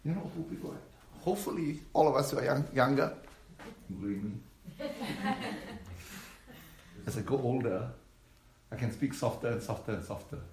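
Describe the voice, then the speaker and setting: A man's voice: mid-range voice, expressive, moderate pace, pauses often, darkish tone, a little hiss or hum. Guy in his late 50s preaching, talks to the crowd like a chat, echoey church. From Malaysia. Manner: conversational preaching with audience questions. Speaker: pastor. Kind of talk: sermon.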